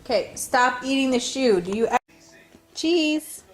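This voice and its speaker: A mother calls out to her toddlers in a high, bright voice, drawing each word out slowly as she coaxes and scolds them. The room around her echoes, and music plays in the background. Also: expressive, heavy background noise. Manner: coaxing and scolding toddlers, sing-song prompts. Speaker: mother filming her children. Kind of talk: casual home video. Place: family home indoors.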